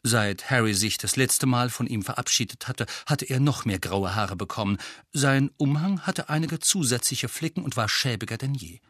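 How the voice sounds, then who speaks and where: A man reading a story aloud in an expressive, animated narration, voicing each character. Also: medium pitch, normal speed, no room sound, studio quality. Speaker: audiobook reader.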